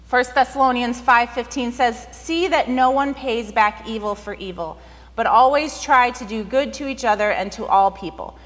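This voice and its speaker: A woman's voice: a little high, normal speed. A woman pastor giving a sermon in a conversational way, often saying "like". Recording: long hall reverb.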